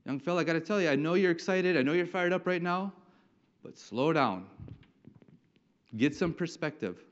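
A doubtful, patronizing king urges a young man to calm himself and get some perspective, as a man voices him in his sermon. The voice sits fairly high, and the recording sounds dull and lo-fi. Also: moderate pace, close to an everyday voice. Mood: patronizing caution. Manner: patronizing, cautioning. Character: doubtful king Saul, older man, cautious.

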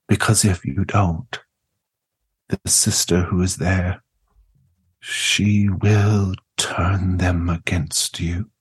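Guy doing a warm serene old grandma spirit for a tabletop game, low n husky, coaxing. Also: exaggerated voice.

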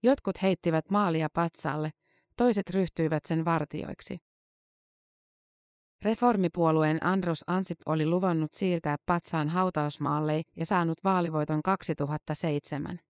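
A narrator giving a scripted reading of a long-form news article, with an even, measured delivery of dates and figures. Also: mid-range voice, no echo, clean studio sound.

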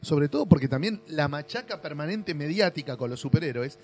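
A man's voice: a little high, lively intonation, fairly quick, faint music behind. Argentine man, chatty and explanatory. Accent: Argentine Rioplatense. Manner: explains at length with asides and tag questions. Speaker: guest. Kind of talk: casual podcast chat.

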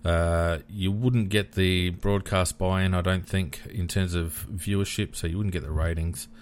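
An Australian man hosting a casual sports discussion, measured and hesitant as he thinks aloud. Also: sits low, fairly even intonation, a little hiss or hum.

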